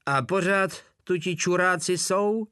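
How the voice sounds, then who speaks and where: Crude hulking soldier, coarse and loud, voice pushed well up as a male reader plays him, dry close sound. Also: high voice, smooth, dry recording, pitched above the performer's own voice. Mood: scornful. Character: crude brutish giant soldier.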